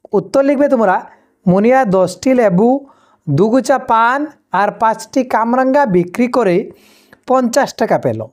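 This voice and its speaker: Woman teacher with an Assamese Bengali accent, patient, unhurried, soft mellow tone. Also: on the high side. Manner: patient, spells out conjunct letters slowly. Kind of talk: textbook lesson.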